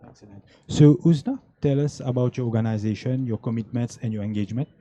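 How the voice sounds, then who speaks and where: A man with a Mauritian accent hosts a live panel debate, hesitant and full of fillers. His voice is very dark and mellow, with a husky edge. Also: medium pitch, fast, lo-fi sound. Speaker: debate host.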